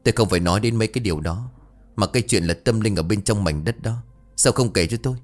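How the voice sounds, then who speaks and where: A man's voice: on the low side, fast, soft background music, natural voice. A man voicing a stern, blunt middle-aged businesswoman who speaks curtly. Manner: curt, accusing.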